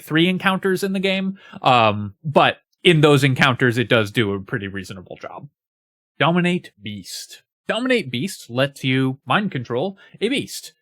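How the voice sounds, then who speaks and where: A man in a mid-range voice walks through game spells in a steady, analytical way, sprinkling his talk with fillers. His voice sounds dry and close, with no room around it. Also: medium pitch, no echo. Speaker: game guide creator. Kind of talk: casual spoken analysis.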